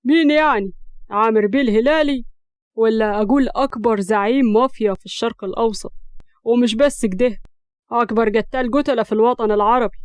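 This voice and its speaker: A woman's voice: fairly high pitch, fast, no echo, studio quality, natural voice. A woman doing proud, defiant young Egyptian man. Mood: cold, mocking. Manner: shouting in anger, then cold mockery.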